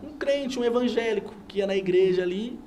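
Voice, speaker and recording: Paulista man telling a lively testimony. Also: sits high, fairly quick, a little hiss or hum. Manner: storytelling that acts out every character's lines. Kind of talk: animated personal testimony. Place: TV studio.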